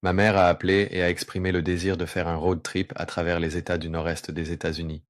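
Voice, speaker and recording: A man whose voice is pitched down very deep to disguise it, earnestly and remorsefully telling his personal testimony. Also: little pitch movement, no room sound, studio quality. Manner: earnest, remorseful, with pauses and slow stretches. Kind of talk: confessional first-person testimony.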